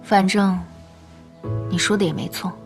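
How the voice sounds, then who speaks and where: A woman's voice: mid-range voice, fairly even intonation, unhurried, faint music behind, natural voice. An actress playing a guarded, proud young woman who speaks bluntly and warily in a period TV drama. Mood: wary. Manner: blunt and wary. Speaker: granddaughter.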